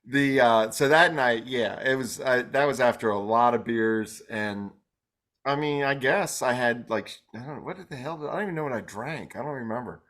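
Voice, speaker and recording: A man's voice: medium pitch, normal speed, fairly bright tone. Rambling, laughing male podcast co-host. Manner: rambling, self-deprecating, laughs often. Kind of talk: casual chat.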